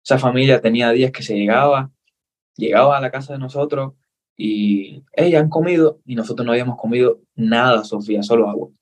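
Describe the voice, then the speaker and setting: A young man from Cuba, speaking with a Cuban Spanish accent, shares his personal story as a guest in a laid-back interview. His mid-pitched voice is earnest and brisk, and he animates the tale by voicing the other characters' dialogue.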